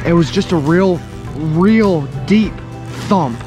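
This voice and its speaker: A young man hosting a fishing vlog from a small boat outdoors, talking excitedly to viewers. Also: on the high side, slow pace, over music. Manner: excitable, shouts and laughs when a fish bites. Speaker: fishing channel host. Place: small boat on a river below a dam, outdoors.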